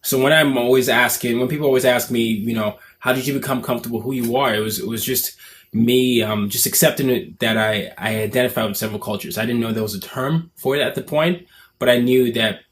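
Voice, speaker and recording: A man's voice: medium pitch, steady tone, brisk, slight background noise. A man in his twenties from Nigeria with an American accent, talking casually to camera in an earnest, reflective way as a summit speaker. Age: 20s. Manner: earnest, reflective, thinks aloud.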